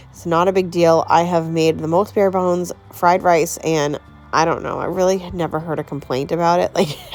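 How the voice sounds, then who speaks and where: In her kitchen, a mom who vlogs home cooking talks through a tutorial in a fairly low, slightly mellow voice. She's chatty, laughs easily, and says "like" a lot.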